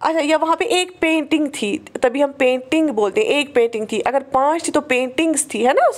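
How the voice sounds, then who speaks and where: A woman, a native Urdu speaker, teaching English grammar in a lecture. She explains in Hindi-Urdu, says the English example sentences slowly and deliberately, and often checks in with the class. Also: high-pitched. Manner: often checks in with "theek hai" and "right".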